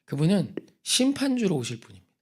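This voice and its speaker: A man preaching a sermon, telling a personal story in a husky voice that drops to hushed whispers and rises to loud emphatic outbursts. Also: sits high, wildly swooping pitch, fast talker. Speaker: pastor. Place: church sanctuary.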